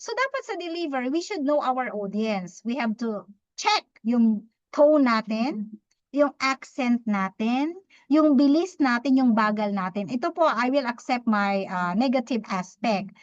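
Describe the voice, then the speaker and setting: A woman, teaching public speaking to a live audience, talking fast and quizzing her listeners. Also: a little high, animated, no room sound, dull audio. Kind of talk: interactive talk to a live audience.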